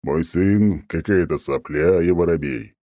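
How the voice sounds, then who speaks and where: A man's voice: low voice, measured pace, dark tone, dry recording, clean studio sound. A man voicing an arrogant ancient male oak god who talks down in a haughty, mocking way. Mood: smug, haughty.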